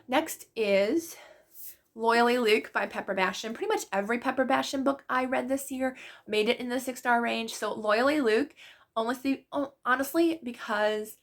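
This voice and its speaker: A woman's voice: a little high, normal speed. A woman book vlogger chatting casually about books she loved, gushing and full of fillers. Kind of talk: casual book review chat.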